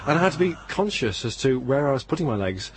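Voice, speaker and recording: A man's voice: mid-range voice, very animated, fast, a little hiss or hum. A male community radio host interviewing two amateur actors in a chatty, jokey way. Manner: chatty, jokey, laughs often.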